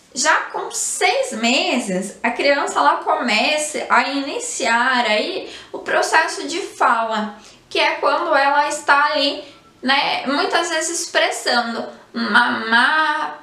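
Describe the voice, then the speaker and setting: High bright-voiced woman explaining in an echoey room. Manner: explains patiently, ends phrases with "tá?" and "né?". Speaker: psychologist. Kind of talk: educational explainer.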